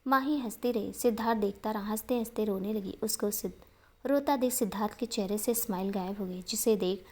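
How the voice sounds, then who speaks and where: A woman's voice: medium pitch, brisk. Woman narrating a story.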